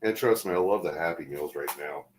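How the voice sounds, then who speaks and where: A man's voice: deep voice, a little fast. A man chatting casually as a co-host on a livestream. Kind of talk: casual chat about pop culture. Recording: echoey room with faint noise.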